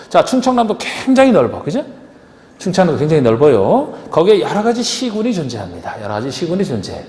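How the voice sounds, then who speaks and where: A man's voice: high voice, warm tone. A man teaching a class, lecturing in a coaxing way and asking his students question after question. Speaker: real estate agent exam instructor. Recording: echoey lecture hall with faint noise.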